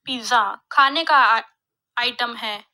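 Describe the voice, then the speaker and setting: A woman's voice: on the high side, slow pace, pushed and bright, exaggerated voice. A woman voicing a young married son who explains things patiently to his father.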